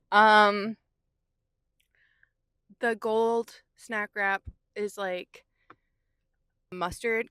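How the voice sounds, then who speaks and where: A woman's voice: medium pitch, pushed and bright, no echo. A young woman vlogging from her car, talking in a rambling, candid way and swearing casually. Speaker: vlogger and artist. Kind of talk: casual chatty vlog. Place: inside a parked car.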